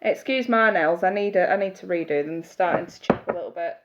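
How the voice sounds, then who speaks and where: Fast-talking and low-voiced, a tarot reader chats on her live stream, greeting viewers by name despite hay-fever congestion. Her audio is muffled, with a steady hiss throughout.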